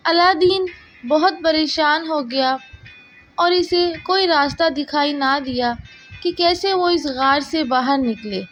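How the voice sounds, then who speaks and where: A woman narrates a children's story from a script, taking her time in a high voice. The recording is somewhat dull and lo-fi, laid over gentle music.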